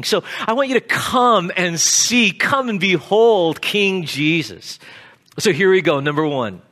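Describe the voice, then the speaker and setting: A guest pastor preaching a sermon with emphatic, deliberate delivery. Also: male voice, high voice, sharp tone.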